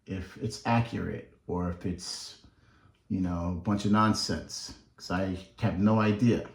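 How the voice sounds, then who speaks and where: A man's voice: lowish voice, a little mellow, echoey room. A man in his fifties doing a rambling, profane reaction commentary, laughing often. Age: 50s. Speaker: reaction video host.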